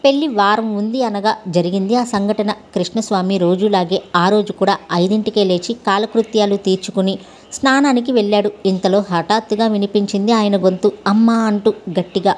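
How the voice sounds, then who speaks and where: A woman narrating a scripted story in a calm, even storytelling manner. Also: medium pitch, normal speed.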